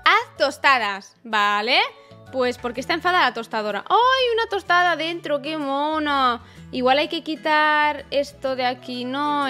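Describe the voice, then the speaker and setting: A woman's voice: sits high, pushed and bright. A woman, chatting to viewers as she plays a puzzle game, often puzzled and talking it through. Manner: chatty, puzzled, talks to viewers while playing. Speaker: gaming YouTuber. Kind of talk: casual let's-play commentary.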